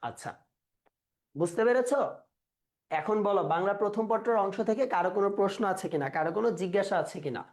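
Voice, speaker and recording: A male teacher, running a live online exam-prep class. He quizzes the students and repeats words slowly to drill their pronunciation. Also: high voice, lively intonation, a little mellow.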